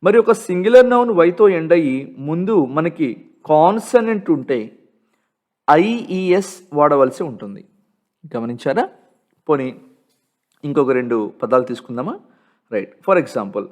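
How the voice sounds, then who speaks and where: A man's voice: fairly high pitch, expressive, unhurried, long pauses, darkish tone. A man with a Telugu accent teaching English grammar from a textbook, who keeps asking his students questions and answering them himself.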